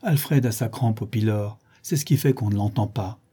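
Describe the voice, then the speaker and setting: A man's voice: fairly low pitch, moderate pace, warm tone, slightly rough. A man voicing a gossipy, scheming old female concierge in a raised, chattering voice. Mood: pious.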